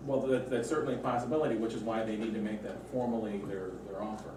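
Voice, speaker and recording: A man's voice: lowish voice, fairly even intonation, fast talker. A man explaining procedure as an adviser in a formal board meeting discussion, recorded in an echoey room. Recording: echoey meeting room, distant mic, background noise.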